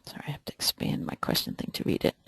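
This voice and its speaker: A webinar instructor whispers answers to viewer questions during a live software demo, sounding hesitant and thinking aloud with many pauses. The recording is dry.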